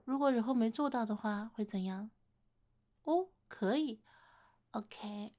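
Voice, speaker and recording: A woman's voice: a little high, unhurried, close to an everyday voice. A woman playing a playful older-sister type who coaxes and teases a younger man confessing to her, in a one-sided romantic role-play. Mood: teasing, coaxing. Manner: coaxing, playful teasing, gentle laughter.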